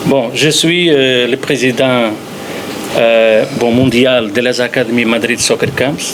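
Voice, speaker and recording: A man's voice: medium pitch, steady tone. Man with foreign Iberian accent, noisy room. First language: not French. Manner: halting non-native French. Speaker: academy president giving a speech. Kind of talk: semi-formal press conference speech.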